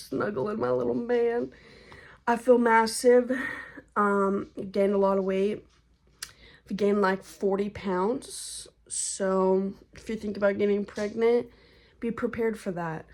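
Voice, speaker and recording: A young woman vlogging a casual update about her pregnancy, chatty and slangy, and out of breath from being heavily pregnant. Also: medium pitch. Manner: chatty, slangy, laid-back.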